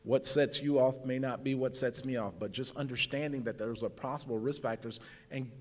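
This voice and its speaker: A man's voice: mid-range voice, steady tone, normal speed. A man speaking as a panelist at a public discussion. He talks in an earnest way, often repeats words and ends points with "right?". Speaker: panelist sharing lived experience.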